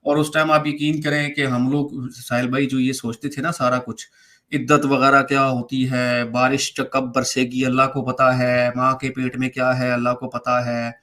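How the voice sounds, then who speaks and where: A man speaking as a guest, casually recounting his own story and re-enacting the conversations in it. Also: mid-range voice. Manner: animated, re-enacts dialogue while recounting events. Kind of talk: casual spoken storytelling in a debate stream.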